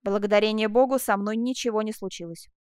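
A woman voicing a proud, gruff older nobleman who speaks curtly in an audiobook. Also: medium pitch, steady tone, quick pace, darkish tone, dry recording, clean studio sound, close to an everyday voice. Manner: curt, brusque.

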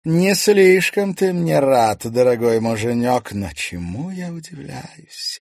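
A man's voice: mid-range voice, sing-song, takes it slowly, vocal fry, no room sound, studio quality, pitched above the performer's own voice, heavily acted. A male reader voicing a vengeful female ghost who has possessed a girl, mocking and screaming at the people around her. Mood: furious.

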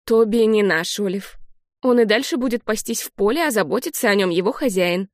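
A woman reading a gentle, sad aunt. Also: medium pitch, brisk, dry recording, clean studio sound, close to an everyday voice.

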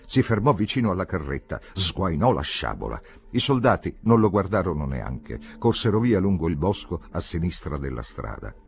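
A man reading a classic novel aloud as an audiobook, with an expressive, measured storytelling manner. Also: low-pitched, creaky, husky. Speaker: audiobook reader.

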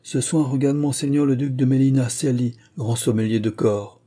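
A man's voice: medium pitch, fairly even intonation, moderate pace, warm tone, pitched above the performer's own voice, close to an everyday voice. A man reading aloud, voicing an old monk who refuses help with cold, formal politeness. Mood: coldly formal. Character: calm, vengeful old male monk.

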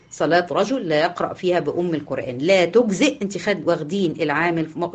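A woman's voice: low-pitched, darkish tone, lo-fi sound. A woman with an Egyptian Arabic accent teaching a class, asking her students questions and answering them herself, repeating the key points. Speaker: Islamic jurisprudence teacher. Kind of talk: online class lecture.

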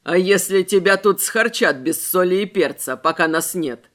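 A woman voicing a teasing young man who grumbles and mocks in a lowered voice. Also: moderate pace, natural voice. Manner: mocking, lowered voice.

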